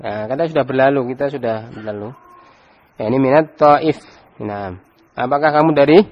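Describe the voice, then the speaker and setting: This man speaks at a normal speed in a mid-range voice, captured with lo-fi sound. He is an Islamic teacher with a Javanese Indonesian accent who runs an Arabic grammar lesson, testing his pupils and getting them to read out loud.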